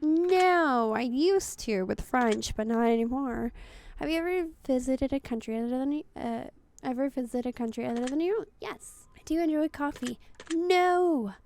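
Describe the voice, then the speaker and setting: A young woman VTuber with a high, mellow voice and some vocal fry offers casual commentary while playing a game at normal speed. She's blunt, swears freely, and hops from one answer to the next.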